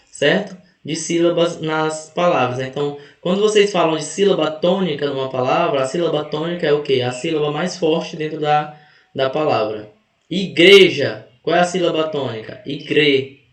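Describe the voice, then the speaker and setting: A man gives an exam-prep grammar lesson in a somewhat high voice, recorded in an echoey room. He draws words out slowly to mark the stressed syllable and often restarts and corrects himself mid-phrase. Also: a bit bright. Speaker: teacher.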